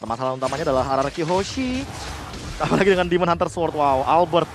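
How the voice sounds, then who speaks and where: Fast-talking Indonesian male esports analyst. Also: on the high side, animated. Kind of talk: live match analysis commentary. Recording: noisy live broadcast ambience.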